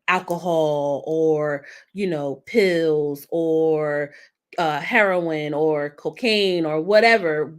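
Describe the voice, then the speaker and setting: Rambling emotional woman host, lower voice. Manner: rambling, repeats words, says "right?" often. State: emotional, near tears. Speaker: podcast host. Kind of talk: casual heartfelt monologue.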